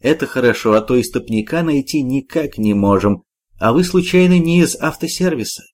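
A man's voice: medium pitch, expressive, normal speed, darkish tone, natural voice. A man doing a mild, hesitant village priest. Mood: polite. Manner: benign, hesitant, apologetic.

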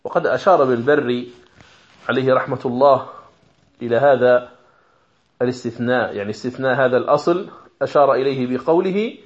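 A man's voice: mid-range voice, quick pace, pauses often. A man teaching a lesson on Quran recitation rules, explaining carefully and sounding out example words aloud. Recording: dull lo-fi recording.

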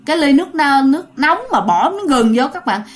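Brief: older mother-in-law, lower and brusque, woman narrator doing the voice. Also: sing-song, a little fast.

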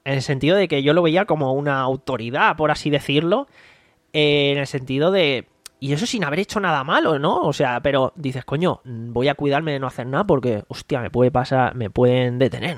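A man's voice: fairly high pitch, no room sound. Chatty man, close dry mic. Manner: rambling, recounts scenes by acting out quotes. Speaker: podcast host. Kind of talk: casual podcast commentary.

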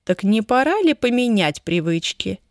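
A woman voicing a playful young wife in a raised, lively, teasing tone. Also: mid-range voice, normal speed, dry recording, clean studio sound.

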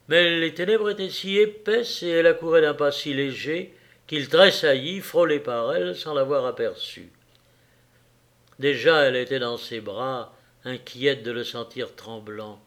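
Slow, solemn male audiobook reader. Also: medium pitch, a bit bright. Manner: measured, solemn delivery with long pauses. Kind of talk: literary narration.

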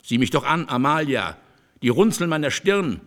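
A bitter aging seducer, read by a man, declaims with grim insistence. His voice swings widely in pitch and sits a little high for a man. The delivery suits a literary audiobook. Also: sing-song, moderate pace. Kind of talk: audiobook character reading.

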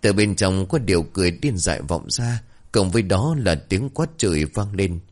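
Low-voiced male horror storyteller. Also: lively intonation, normal speed, a little mellow. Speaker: narrator. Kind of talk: scripted horror story narration.

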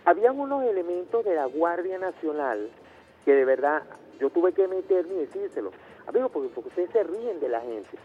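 A man's voice: high-pitched, very animated, a little fast, faint music behind. A Venezuelan man from Caracas calling in to a radio show, insisting on his point and cutting back in again and again. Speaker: radio caller. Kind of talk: phone-in debate. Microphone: telephone. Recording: tinny phone line with faint noise.

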